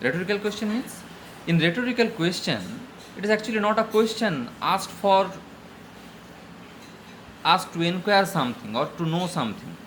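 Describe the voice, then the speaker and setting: Male teacher, Bengali accent, middle-aged, animated pitch, faint air-conditioner hum. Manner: switches between slow deliberate English and rapid explanatory Bengali. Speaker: high school English teacher. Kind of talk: classroom lecture.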